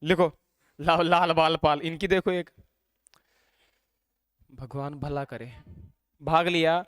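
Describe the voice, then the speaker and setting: A male teacher lectures a class. He quizzes the students, then dictates notes slowly and repeats each phrase. His voice is smooth and resonant, and the sound is dry and close. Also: a little high, steady tone, fairly bright tone, no room sound.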